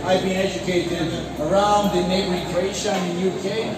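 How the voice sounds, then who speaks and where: High-voiced man in an echoey hall. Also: fairly even intonation, normal speed, distant mic, a crowd in the background. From Bosnia. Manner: enthusiastic, earnest. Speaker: foundation ambassador giving a presentation. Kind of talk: presentation to an audience. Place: large indoor meetup hall.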